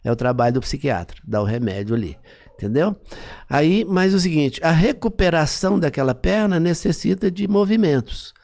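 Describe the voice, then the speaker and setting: A man with a gravelly, creaky voice and a dark, mellow tone talks as a psychologist guest on a podcast. He explains step by step like a teacher and keeps asking whether his listener follows. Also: on the high side, animated, normal speed. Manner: didactic, often checks understanding with "entendeu?".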